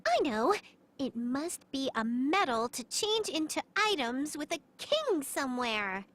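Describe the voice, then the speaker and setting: A woman's voice: high-pitched, sing-song, unhurried, a bit bright, heavily acted. A woman voicing a bubbly, goofy young girl heroine in an anime-style game, playful and exclamatory. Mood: puzzled, playful.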